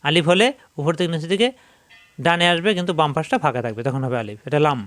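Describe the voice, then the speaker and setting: A man teaching how to read Arabic letters, patiently explaining and reciting them in quick drills. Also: a little high, fairly bright tone, no room sound. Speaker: Quran reading teacher. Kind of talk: Arabic letter reading lesson.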